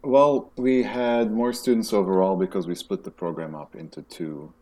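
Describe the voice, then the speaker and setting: A man from Belgium, a music festival director, talking casually in a soft, measured way with frequent pauses. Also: fairly low pitch, fairly even intonation. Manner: soft-spoken, measured, hesitant with ums. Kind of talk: casual interview conversation.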